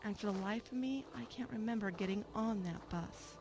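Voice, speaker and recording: An actress voices a troubled middle-aged woman, wistful and returning to her estranged mother, in a radio drama with first-person narration. Her mid-range, natural voice moves at normal speed, earnest and reflective, with music in the background and clear background noise.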